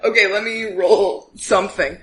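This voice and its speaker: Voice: medium pitch, fairly even intonation, normal speed, pushed and bright, echoey room, slight background noise, poor audio. A player in a tabletop role-playing game, bantering wryly and often laughing. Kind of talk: tabletop game play, casual chat.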